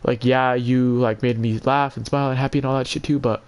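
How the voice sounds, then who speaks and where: A man venting casually on a livestream in an emotionally drained, halting, repetitive and profane way. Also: mid-range voice, fairly even intonation, clear, resonant tone, highs cut off. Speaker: live streamer.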